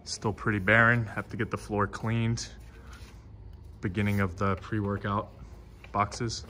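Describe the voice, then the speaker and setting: Inside an empty warehouse and office, a small business owner in his twenties vlogs casually to a phone held at arm's length, thinking aloud with fillers and restarts. His voice sits on the low side, level and unhurried, bright and forceful, over a little hiss or hum.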